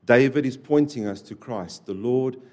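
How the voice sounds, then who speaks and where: A man preaching a sermon to a church, repeating key phrases and swinging between loud, stressed lines and quiet, dropped endings. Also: mid-range voice, normal speed. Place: church service.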